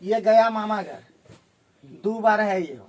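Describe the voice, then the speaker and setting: A man teaching a maths class, firing questions at his students and working sums out loud. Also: sits high. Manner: drills students with rapid questions while calculating aloud. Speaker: maths tutor.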